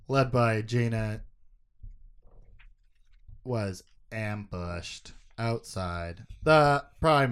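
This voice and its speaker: A man putting on a slow, low robot voice while reading out a mission recap on a casual podcast. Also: a bit bright, clean tone, heavily acted. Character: flat monotone male robot voice. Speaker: podcast co-host. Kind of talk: casual book discussion.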